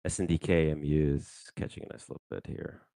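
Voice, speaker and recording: A man hosts a live trading stream, loosely and conversationally walking through his trades with fillers and the occasional swear, mic held in hand. His extremely low voice is flat and mellow, a little fast, with no room sound.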